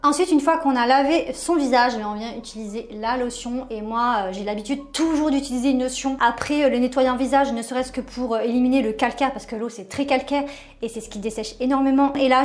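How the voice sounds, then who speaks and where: A young woman in her twenties vlogging her morning and skincare routine in a casual, chatty way, with many fillers and phrases that trail off softly. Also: on the high side, fairly quick. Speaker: beauty vlogger. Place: small echoey bathroom at home.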